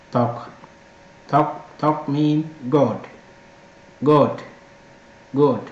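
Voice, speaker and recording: In a relaxed lesson on his channel, a South Sudanese man with a medium-pitched, darkish voice says words over and over so learners can pick up Dinka, which he speaks natively. The audio is muffled and faintly noisy, with room echo.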